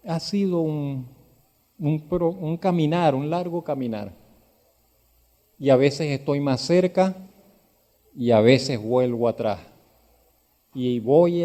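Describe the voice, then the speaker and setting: A man preaching a sermon, asking direct questions of his listeners and building from quiet reflection to loud, emphatic exhortation. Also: medium pitch. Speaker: pastor.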